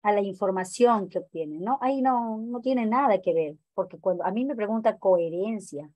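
A woman's voice: medium pitch, moderate pace, no echo, dull audio. A woman teacher leading an online training class, explaining exam answers and asking the group questions. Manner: questioning, explanatory, many fillers.

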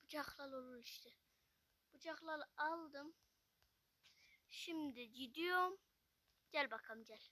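A woman giving excitable, swearing commentary while playing a mobile fighting game, trash-talking her opponent. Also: sits high, slow pace, pauses often. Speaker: gamer.

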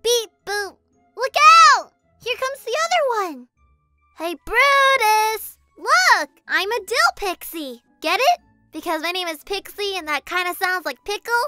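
A woman's voice: very high-pitched, lively intonation, moderate pace, bright, forceful tone, faint music behind, exaggerated voice. A woman voicing a tiny, innocent, cheerful girl kitten with a childlike manner in a comic dub. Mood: playful. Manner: childlike, wide-eyed.

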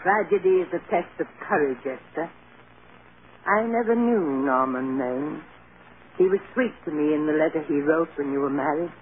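On a tinny, hissy old radio recording, an older woman's low-pitched voice plays a grandmother who is stern yet loving. Her delivery is firm and earnest at normal speed, lightly acted in 1940s radio drama fashion.

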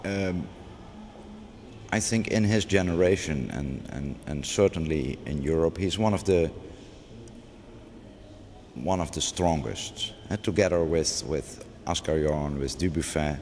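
Speaking from inside a large gallery, a middle-aged museum curator improvises an interview in an extremely low, darkish voice. He's unhurried and pauses often, with many fillers and restarts. Expect long reverb from the room and faint background noise.

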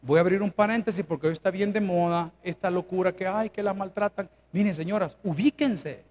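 A man preaching a sermon as pastor, firing rhetorical questions and swinging from hushed to shouting. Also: sits high, fairly quick.

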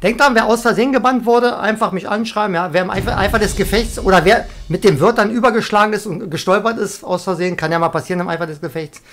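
A woman live-streaming a video game, chatting excitably with viewers and often trailing off and restarting. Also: mid-range voice, fast, hardly any pauses. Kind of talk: casual live-stream chat while gaming.

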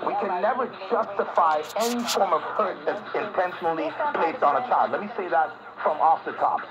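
A man speaks earnestly in a high voice, as radio commentary. The sound is dull, with loud babble behind it. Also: fairly quick, crowd noise.

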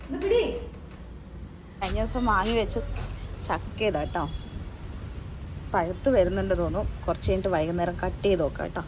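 A woman's voice: lowish voice, steady tone, fast talker, pauses often, noisy background. A woman chatting casually to her viewers in a family vlog and talking sweetly to her small son. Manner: chatty, addresses viewers with frequent tag questions; playful baby-talk with her small son. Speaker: family vlogger. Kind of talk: casual home vlog chat.

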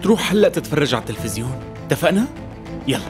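A kindly Levantine uncle. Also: male voice, on the high side, big pitch swings, racing, loud music behind the voice. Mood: tender. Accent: Levantine Arabic. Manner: tender, reassuring. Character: kindly uncle soothing a boy. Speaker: dubbing actor.

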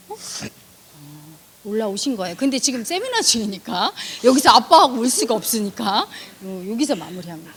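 A woman meditation teacher guiding a healing session, calm and directive. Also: a little high, slightly rough. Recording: long hall reverb.

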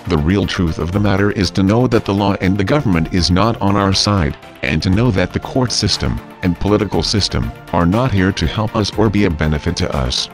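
A man reads a scripted political message as narrator, in a solemn, measured way. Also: deep voice. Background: music.

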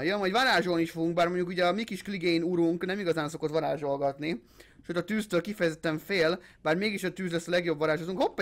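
A young man hosting a let's play, commenting excitably as he plays, swearing and mixing in English gamer phrases. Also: high-pitched. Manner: excitable, swearing, hyped-up shouting. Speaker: gaming channel host.

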